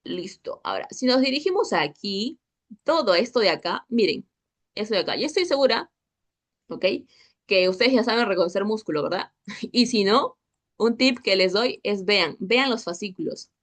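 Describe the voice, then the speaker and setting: A woman's voice: medium pitch, animated, normal speed. Chatty young woman teaching histology. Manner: chatty, checks in with constant "¿ok?" and "¿listo?". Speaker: histology tutor. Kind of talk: online class lecture.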